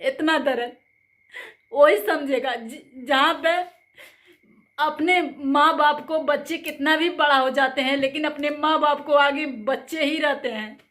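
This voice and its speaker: A woman's voice: high voice, measured pace, fairly bright tone. A woman hosting her own channel, talking indignantly and at length in a rambling, emphatic way. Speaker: channel host. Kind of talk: angry commentary vlog.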